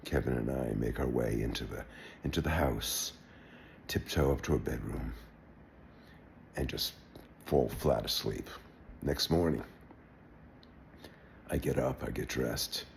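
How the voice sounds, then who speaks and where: An older man telling a wry personal anecdote in a relaxed, halting way, with wry understatement. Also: rumbling low, vocal fry, slight background noise. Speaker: storyteller. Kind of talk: personal anecdote told aloud.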